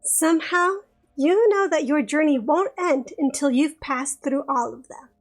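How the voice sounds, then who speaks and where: A woman's voice: sits high, soft background music. A woman streaming a visual novel, chatting with viewers and reading the story aloud with frequent laughs. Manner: giggly and chatty, reads narration slowly.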